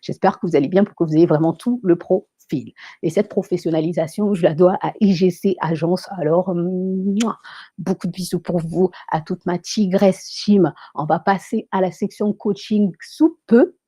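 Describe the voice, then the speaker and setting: Host: young woman from Africa, mellow voice, dry close sound, pep-talk monologue. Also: on the low side, moderate pace, hardly any pauses, husky, no room sound. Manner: emphatic, repetitive, motivational, mixes in English phrases. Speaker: live show host and coach. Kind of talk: live stream monologue. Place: France.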